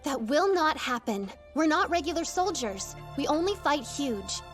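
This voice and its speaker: A woman's voice: high voice, sing-song, moderate pace, soft background music. A woman voicing a firm, principled teenage girl soldier in an anime dub, matter-of-fact. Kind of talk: anime English dub acting.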